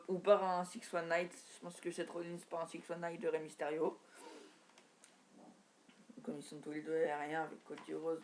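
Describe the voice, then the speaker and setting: A man vlogging his wrestling predictions from his notes, talking in a hesitant, halting way with many restarts. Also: a little high, darkish tone. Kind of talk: casual spoken predictions from notes.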